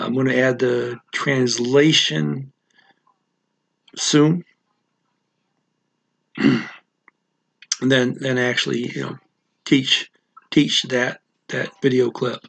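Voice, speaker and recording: Clearing his throat and filling gaps with plenty of fillers, a language teacher haltingly delivers his casual weekly channel update. The man's voice is mid-range with a fairly bright tone.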